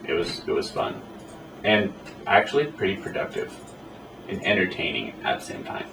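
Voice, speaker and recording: A man's voice: low-pitched, big pitch swings, moderate pace, gravelly. A man who works as an animator, chatting casually in an interview and telling rambling, self-amused stories. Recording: echoey room, mic at a distance, faint hiss.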